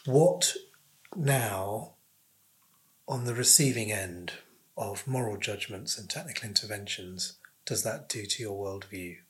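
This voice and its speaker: A man interviewing in a conversational, probing way, phrasing his words deliberately and in careful fragments. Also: fairly low pitch, a bit bright, rough recording.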